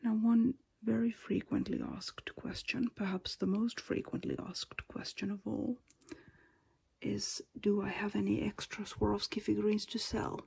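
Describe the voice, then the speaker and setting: Showing her collection at home display cabinets, a Finnish collector speaks slowly in a soft half-whisper, her raspy, creaky voice medium in pitch and flat in delivery. The casual tour is full of ums and never rushed.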